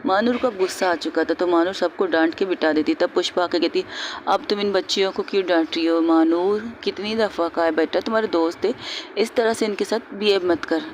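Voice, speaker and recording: A woman's voice: on the low side, brisk, slight background noise. A woman narrating a love story in a chatty storytelling way, voicing the characters' lines herself. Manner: conversational storytelling in colloquial Hindi, voicing several characters.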